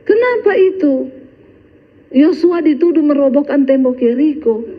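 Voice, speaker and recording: A woman's voice: sits high, a little slow, voice pushed up. Woman doing an indignant father. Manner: indignant, insistent. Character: indignant father defending his son to a teacher. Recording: slightly dull lo-fi recording.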